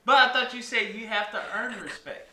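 A man's voice: very high-pitched, normal speed, roomy sound, a loud crowd. A man co-hosting a podcast in casual chat, blunt and slangy, swearing freely. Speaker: podcast co-host.

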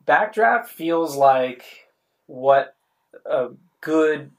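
A man's voice: fairly high pitch, animated, very slow. Rambling male podcast co-host. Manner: rambling, self-interrupting, joking. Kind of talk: casual chat.

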